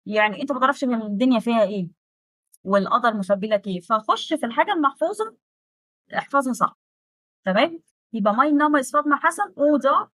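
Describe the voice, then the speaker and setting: Fast-talking Egyptian woman teaching German. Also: fairly high pitch, no room sound. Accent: Egyptian Arabic. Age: 20s. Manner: lively, quick, chatty and direct, slows right down to spell out German phrases. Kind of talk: casual Egyptian Arabic lesson.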